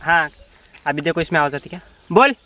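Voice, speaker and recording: In a rural open field, a man running a casual outdoor vlog tests a homemade cup phone, calling out instructions to a distant helper. His fairly high voice is expressive, fairly quick, pushed and bright, with faint background noise behind him.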